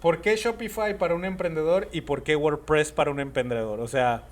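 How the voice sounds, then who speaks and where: Casual, slightly high male podcast host. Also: fairly quick. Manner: casual, often addresses listeners directly. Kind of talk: casual interview.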